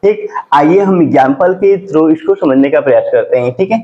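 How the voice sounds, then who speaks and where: A fairly high-voiced male teacher gives a classroom grammar lesson. He keeps asking his students questions and answering them himself, and he stretches out his spelling of each word. The sound is dull and lo-fi. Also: lively intonation. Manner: drawn-out slow spelling of words.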